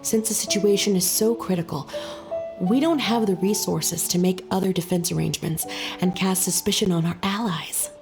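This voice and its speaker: A woman voicing a deferential, measured military aide in a video game, speaking formally. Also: on the low side, music in the background, natural voice.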